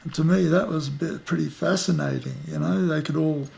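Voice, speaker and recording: A man in his fifties with an Australian accent and a gravelly, fry-edged voice pitched a little high. He answers unhurriedly and reflectively, trailing off into fillers as he thinks. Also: a little fast, a little mellow. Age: 50s. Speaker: musician interviewee. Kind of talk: casual interview. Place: outdoors at the back of a house, rainy day.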